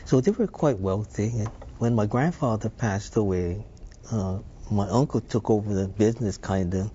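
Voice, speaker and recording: An older man from Hawaii, appearing as an interview guest, reminisces about his childhood in a low, mellow voice. His storytelling is unhurried and thoughtful, sprinkled with filler words. The audio is dull and lo-fi with faint background noise.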